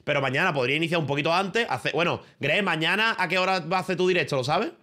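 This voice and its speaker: A man's voice: fairly high pitch, quick pace, pushed and bright. A streamer man from Spain with a Spanish accent, talking off the cuff in his room. He rambles loosely and swears freely, mixing in street slang as he addresses his viewers and a friend. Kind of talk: casual livestream chat.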